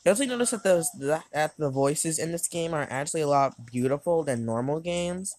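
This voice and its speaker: Low-voiced rambling woman reviewing a game. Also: animated, brisk. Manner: rambling, hesitant, often restarts and corrects herself; talks loudly over game music at times. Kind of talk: gameplay commentary.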